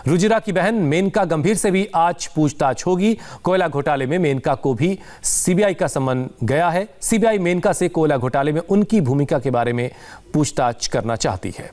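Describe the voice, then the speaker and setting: A man's voice: fairly high pitch, animated, moderate pace, darkish tone. A man reading a news bulletin as an anchor, in urgent, punchy headline style. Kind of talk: scripted news bulletin delivery.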